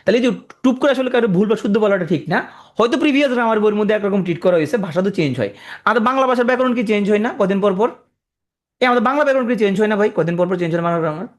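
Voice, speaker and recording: A man with a Bangladeshi accent teaching English grammar in an online lecture, often pausing to quiz his students. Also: sits high. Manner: lively, asks students frequent rhetorical questions.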